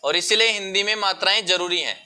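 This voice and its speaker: Bright-voiced man teaching a class. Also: sits high, quick pace. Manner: explains patiently, addresses pupils as beta, mixes English words. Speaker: school teacher. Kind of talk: classroom Hindi lesson.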